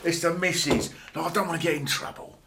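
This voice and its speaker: An actor playing an awkward man who keeps trying to smooth things over in a sitcom. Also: on the high side, fairly even intonation, brisk, bright, forceful tone, slight background noise. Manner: awkward, placating. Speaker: stepdad-to-be. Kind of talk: sitcom acting.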